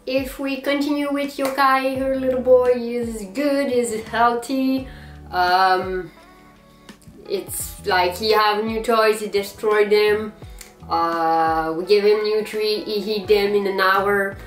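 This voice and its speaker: Talking loosely to camera, a young French Canadian woman whose first language is French hosts a casual cosplay vlog from a small guest room with manga shelves. Her mid-range, fairly even voice rings a little in the echoey room over faint soft music, and she speaks slowly with many pauses, fillers and brief laughs.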